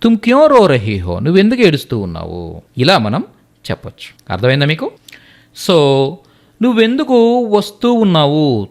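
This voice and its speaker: A man's voice: on the high side, huge pitch swings, normal speed, long pauses. A man teaching a spoken language lesson, repeating example phrases and often checking that the learners follow. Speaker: Hindi teacher. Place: teaching at a writing board.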